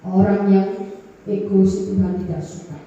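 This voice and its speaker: A woman pastor preaching a sermon, calling out to the congregation, with singsong rises and sudden low drops. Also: flat delivery, moderate pace, dark tone, muffled recording. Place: large church hall. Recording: echoey hall, voice from far off.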